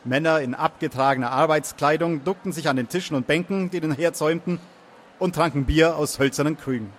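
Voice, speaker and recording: A man reading a fantasy story aloud in a steady storytelling manner. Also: on the high side, fairly quick, slight background noise. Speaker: reader.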